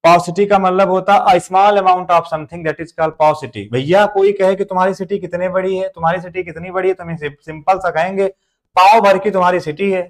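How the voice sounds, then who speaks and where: A man's voice: high-pitched, fairly even intonation, normal speed. A man with an Indian accent teaching English grammar in a live online class, joking through memory tricks and reading out viewers' names. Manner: jokey mnemonic explanations, reads out viewer names; motivational.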